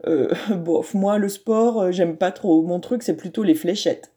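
A woman's voice: on the low side, measured pace, lightly acted. A woman voicing a small, skinny, chatty schoolboy in a read-aloud storybook. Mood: sheepish. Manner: lively, chatty.

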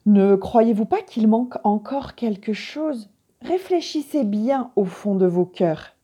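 A woman's voice: medium pitch, expressive, slow, warm tone, slightly rough. A woman reading aloud voices a lonely old male coyote spirit, in an earnest, eager storytelling voice. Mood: delighted.

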